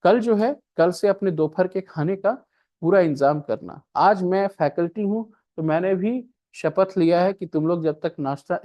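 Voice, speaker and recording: A man's voice: on the high side, lo-fi sound. A male coaching teacher giving a classroom lecture, mixing Hindi and English and checking with his students again and again. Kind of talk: classroom lecture on a reasoning puzzle.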